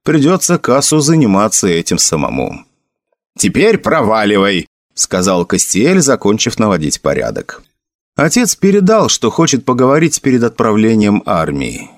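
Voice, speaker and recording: A man narrating a fantasy audiobook in an expressive storytelling manner. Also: lowish voice, normal speed, no echo, clean studio sound.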